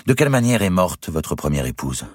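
A man performs as a devout young queen, his deep, animated voice pitched above his own and heavily acted, at normal speed with a breathy edge. She speaks firmly and solemnly, insistent and pleading. The dry recording has studio quality.

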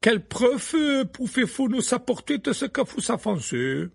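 A disdainful headmistress, voiced by a male audiobook reader talks in a raised, slow register. Her phrases halt and stumble, full of lofty contempt. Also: extremely high pitch, sing-song, gravelly, husky, voice pushed up, full character voice. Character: towering disdainful headmistress, halting foreign speech.

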